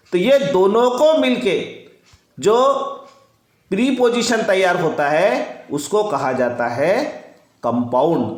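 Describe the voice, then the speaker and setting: Slow, high-voiced man teaching grammar. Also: reverberant. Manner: slow, repetitive explaining with many fillers. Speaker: English teacher. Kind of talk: grammar lesson.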